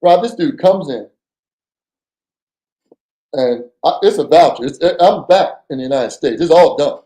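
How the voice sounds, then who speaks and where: Animated man telling stories in an echoey room. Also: fairly high pitch, unhurried. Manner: animated, acts out quoted dialogue, swears casually. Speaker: podcast guest, former undercover agent. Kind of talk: casual storytelling interview.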